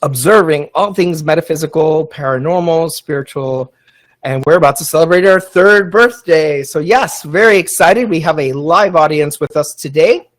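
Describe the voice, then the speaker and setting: A man's voice: fairly high pitch, moderate pace. A man hosting a casual live podcast, enthusiastic and rambling with many ums and uhs. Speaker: podcast host.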